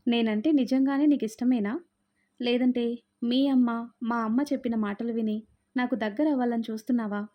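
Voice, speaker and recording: A woman voicing a gentle, troubled young husband who speaks softly and coaxingly. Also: a little high, steady tone, a little fast, lightly acted. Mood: questioning. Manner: soft, coaxing. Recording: dull lo-fi sound.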